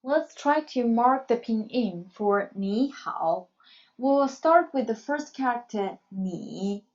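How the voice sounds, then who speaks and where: A woman with as her leads a beginner lesson in English, her voice a touch high and her pace very unhurried. She talks clearly and keeps encouraging the learners. The recording sounds somewhat dull and lo-fi. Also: expressive, darkish tone. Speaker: Chinese teacher. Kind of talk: scripted language lesson.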